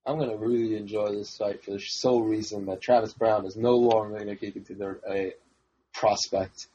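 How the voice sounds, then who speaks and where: A man's voice: fairly low pitch, fairly even intonation, brisk, mellow, muffled recording, a little hiss or hum. A man on a podcast panel giving blunt, profane fight predictions in casual chat.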